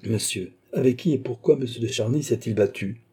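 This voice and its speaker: A man's voice: mid-range voice, a little fast, mellow, breathy edge. A man reading an audiobook, voicing a haughty, angry young queen with an indignant, commanding manner.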